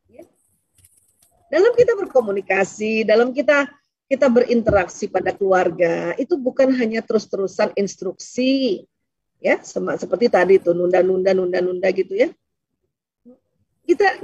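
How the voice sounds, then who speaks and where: A woman's voice: a little high, a little mellow, husky, no echo, muffled recording. A woman counselor giving casual, reassuring family advice in a chatty way, laughing often. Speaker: Islamic family counselor answering questions.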